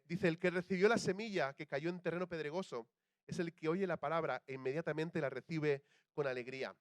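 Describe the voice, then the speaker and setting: A man's voice: a little high, no room sound. A young man with a Spanish accent from Spain, preaching a sermon in a chatty way and putting questions to the congregation. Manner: conversational, asks the audience questions, acts out quoted voices.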